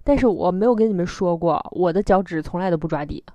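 A woman with a Northeastern Chinese accent chatting casually as a podcast co-host, telling stories in an animated, self-mocking way. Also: fairly low pitch, fast, dry recording, dull audio. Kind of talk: casual chat.

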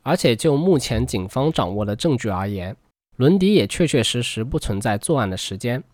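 Man, true crime narrator, conversational storytelling, mid-pitched voice, dry recording. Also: sing-song, normal speed, a little mellow, no room sound. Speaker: true crime podcast host.

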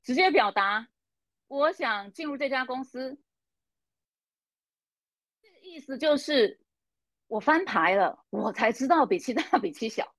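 A woman's voice: high voice, expressive, measured pace, long pauses, a bit bright, no echo. A woman, co-hosting a casual coaching talk and earnestly sharing her ideas. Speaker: coach, podcast co-host. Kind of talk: casual conversation.

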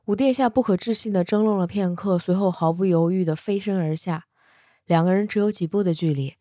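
A woman casually retelling a fantasy romance novel, chatty, with soft particles at the ends of her sentences. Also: on the low side, a little fast, no room sound, studio quality. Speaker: storyteller.

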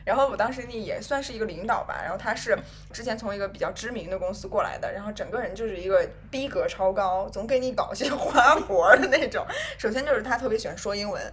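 A woman's voice: medium pitch, fast, few pauses, fairly bright tone, a little hiss or hum. A woman co-hosting a podcast, chatting playfully and laughing as she tells stories about a coworker. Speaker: podcast co-host. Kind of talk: casual chat.

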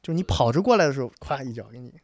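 A young man casually telling a school story on a podcast, animated and laughing often. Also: medium pitch, rapid-fire, dry recording, clean studio sound. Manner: animated, laughs often, acts out quoted lines.

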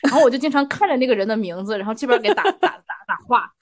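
Fast-talking woman. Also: on the high side, lively intonation. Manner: chatty, laughing, repeats words while searching. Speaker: guest. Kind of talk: casual chat, telling anecdotes.

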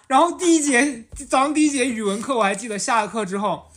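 Laughing, animated podcast storyteller. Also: medium pitch, fast talker. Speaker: podcast host. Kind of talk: casual chat, storytelling.

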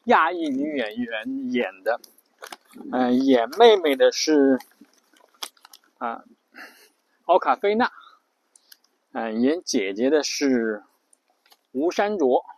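Slow, chatty man hosting an audio show. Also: medium pitch, lively intonation, low-quality recording. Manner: chatty, thinking aloud with many fillers. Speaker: podcast host. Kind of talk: casual explainer monologue.

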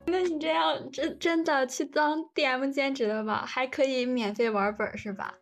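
A woman's voice: high-pitched, fairly even intonation, normal speed, gravelly. A young adult woman, chatting casually. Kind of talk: casual chat. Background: music.

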